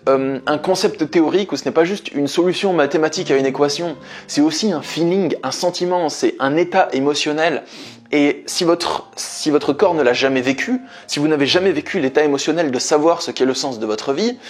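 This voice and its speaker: A man's voice: on the high side, husky. A man speaking as a life coach, giving earnest, explanatory motivational advice straight to his viewers.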